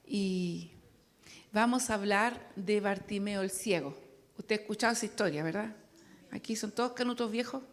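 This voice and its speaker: A woman's voice: medium pitch, moderate pace. A woman preaching a sermon, chatty and joking with the congregation.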